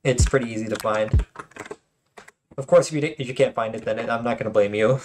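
A man's voice: medium pitch, fast talker, darkish tone, slight background noise. Chatty man commenting on game replays. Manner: chatty and joking, with frequent fillers and restarts. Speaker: channel host and tournament commentator. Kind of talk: casual replay commentary with tips.

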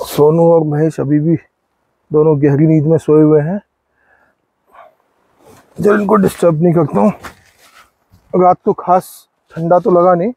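A man's voice: a little high, level tone, measured pace, long pauses, warm tone, breathy edge, rough recording. A man in his forties chatting casually to viewers and friends while camping outdoors by a river in a forest, recorded close on a handheld phone. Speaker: vlogger. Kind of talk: casual camping vlog narration. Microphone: phone camera held close.

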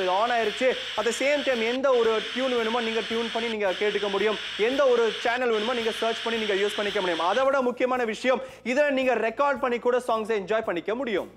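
A man with a Tamil accent presenting a teleshopping sales pitch, persuasive and full of rhetorical questions. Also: noisy background. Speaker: TV shopping presenter.

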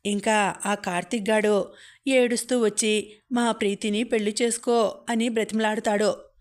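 A woman's voice: medium pitch, fairly even intonation, unhurried, natural voice. A woman voicing a brash, scheming young man who taunts and boasts, in a storybook reading.

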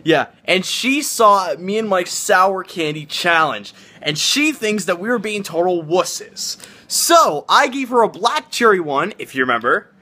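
A young man hosting a casual home vlog in an excitable, teasing manner, talking to a handheld camera indoors. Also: sits high, measured pace. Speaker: vlogger hosting a challenge video. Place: living room indoors at home. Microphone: handheld camera at arm's length.

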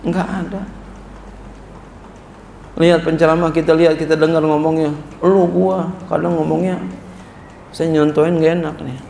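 Gravelly-voiced preacher, echoey room. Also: male voice, a little high, a little hiss or hum. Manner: reads Arabic slowly then explains in colloquial speech, rising to animated scolding. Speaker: kyai teaching a classical text. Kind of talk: sermon-style kitab lesson. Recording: echoey room with faint ambience.

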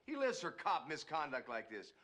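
A combative American street criminal, a foul-mouthed man in custody. His voice is high, forceful and sharp, swinging widely in pitch, in a film drama. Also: wildly swooping pitch, moderate pace, full character voice. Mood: indignant, threatening. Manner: combative, swearing. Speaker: criminal suspect. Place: bare concrete interrogation room on film.

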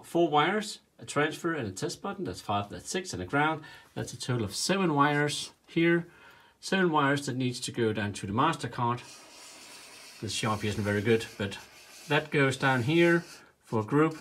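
A man's voice: medium pitch, a bit bright, a little hiss or hum. A man explaining how he wired his home-built cockpit panels, sketching on a whiteboard in his workshop and counting the wires aloud as he draws. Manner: talks while drawing diagrams, counting wires aloud with pauses. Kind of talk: casual hands-on tutorial.

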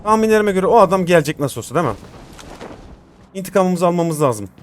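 Young man, high-pitched voice, slangy gaming commentary, informal, faint noise and game gunfire behind. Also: expressive, quick pace. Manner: informal, slangy, addresses viewers as friends. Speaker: gaming video host. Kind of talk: live gameplay commentary.

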